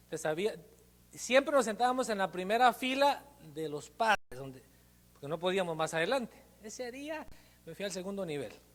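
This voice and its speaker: A male pastor tells his testimony from the pulpit in a lively, animated storytelling manner. His pitch rises and falls widely as he acts out moments. A long reverb from the church hall trails each phrase. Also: moderate pace. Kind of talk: sermon with personal testimony.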